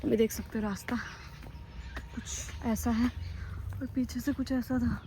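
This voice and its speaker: A woman's voice: fairly high pitch, fairly even intonation, a little slow, mellow, slight background noise, rough recording. A young woman explaining her plans in a matter-of-fact way while vlogging outdoors on her phone. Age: young adult. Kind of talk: walking vlog narration. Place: outdoors on a country road.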